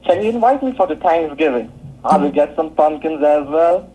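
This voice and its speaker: A man with a high, mellow voice who keeps stumbling and repeating himself. He is a scam caller on the phone. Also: expressive, low-quality recording. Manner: halting, repeats words.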